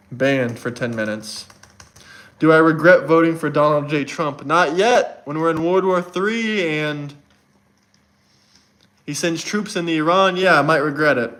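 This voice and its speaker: Here the host's voice sits a little high and sounds fairly bright. He's a young man from Florida in the United States, streaming casually indoors in Montenegro, chatting freely, replying to viewers and repeating things often.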